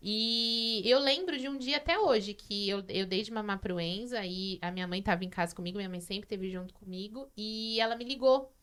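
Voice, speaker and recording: Bright-voiced Brazilian woman telling a story. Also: medium pitch, normal speed, few pauses, clear, resonant tone. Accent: Brazilian Portuguese. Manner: emotional storytelling, repeats words. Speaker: podcast guest. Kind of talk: casual podcast chat.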